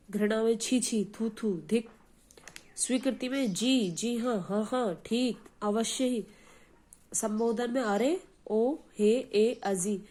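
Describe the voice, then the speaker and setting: A woman's voice: mid-range voice, a little mellow. A woman teacher giving a grammar lesson, explaining patiently and often asking her students questions. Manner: slow, patient explaining with frequent check-in questions. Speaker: school teacher.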